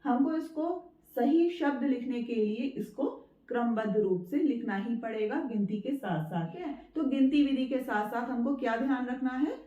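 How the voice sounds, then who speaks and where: A woman teaching a spoken writing lesson, patiently repeating her points, checking in with listeners and sounding out words slowly syllable by syllable. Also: fairly high pitch, warm tone. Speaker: Hindi teacher. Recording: echoey room, dull lo-fi sound.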